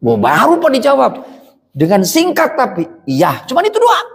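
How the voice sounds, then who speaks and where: A male preacher telling a religious story in an animated way, who keeps turning to his listeners directly. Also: very high voice, moderate pace, slightly rough. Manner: animated, keeps addressing the audience as "Pak". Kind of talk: Islamic sermon storytelling. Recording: echoey hall reverb.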